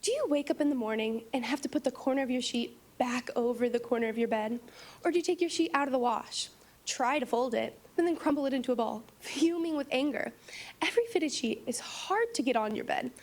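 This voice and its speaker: A young woman with a high voice presents as a startup founder. Her delivery is a confident, rehearsed pitch, given standing in a meeting room. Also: lively intonation, brisk, a little mellow. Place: meeting room, standing before seated judges.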